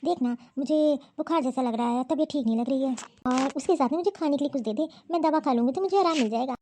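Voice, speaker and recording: A woman's voice: high-pitched, fast talker, warm tone, a little hiss or hum, close to an everyday voice. A woman voicing an ailing, fussy old mother-in-law in a cartoon story; she complains and keeps calling for her daughters-in-law. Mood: complaining. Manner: complaining, calls out repeatedly.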